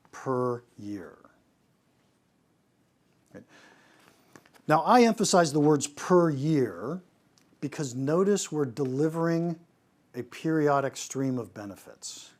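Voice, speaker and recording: A man with a slightly high voice gives a lively lesson on pricing as a consultant. He keeps asking rhetorical questions and often stumbles into quick restarts as he builds his points. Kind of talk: presentation on pricing.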